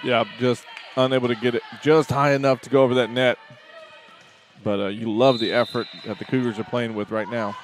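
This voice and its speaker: A man adding color commentary to a volleyball broadcast, relaxed and agreeable as he breaks down plays. His voice sits in a middle pitch, with faint background noise on the recording. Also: brisk. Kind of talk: sports commentary.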